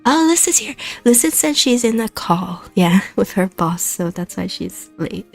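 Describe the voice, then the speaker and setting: A woman's voice: mid-range voice, expressive, a little slow, vocal fry, soft background music. A woman hosting a casual podcast, asking questions and laughing often. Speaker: podcast host.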